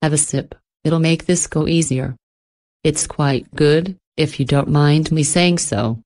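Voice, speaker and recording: For a storybook reading, a woman gives voice to an ancient, cultured, menacing entity, speaking low, soft, even, and measured. The mood is menacing with a note of amusement.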